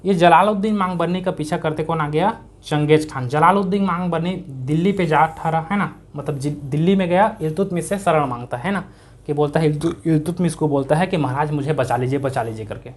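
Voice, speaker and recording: Fairly high-pitched and a little fast, a man gives a conversational exam-prep history lesson in Chhattisgarhi-tinged Hindi, raising questions, answering them, and repeating important words for emphasis.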